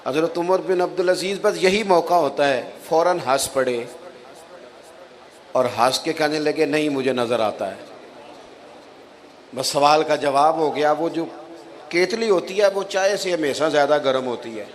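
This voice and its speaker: A man delivering a religious sermon, telling stories and acting out the voices in them. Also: a little high. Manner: animated storyteller, acts out quoted voices. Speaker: Islamic preacher. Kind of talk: Urdu religious sermon with storytelling.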